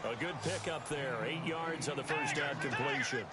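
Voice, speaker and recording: A man's voice: fairly high pitch, normal speed, natural voice. A man calling football play-by-play in clipped, descriptive phrases. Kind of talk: sports commentary. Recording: loud stadium noise behind the voice.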